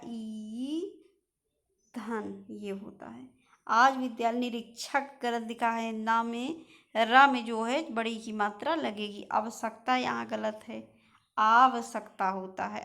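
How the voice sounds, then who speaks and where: A woman teacher going slowly through word lists in an exam-prep lesson, pointing out common spelling mistakes. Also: a little high, steady tone, vocal fry, fairly bright tone. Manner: slow, reads out word lists and corrects common misspellings.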